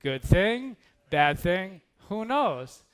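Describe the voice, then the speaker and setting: A man voicing a calm, unbothered old male farmer from a fable, in a rising, shrugging singsong with a mock accent. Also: sits high, very slow, smooth, heavily acted.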